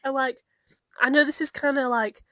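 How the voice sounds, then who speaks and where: A woman's voice: high-pitched, moderate pace, no echo, rough recording. A young woman co-hosting a podcast, chatting casually and telling stories animatedly. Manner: animated storytelling, acts out her own past reactions. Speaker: podcast co-host. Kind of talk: casual chat.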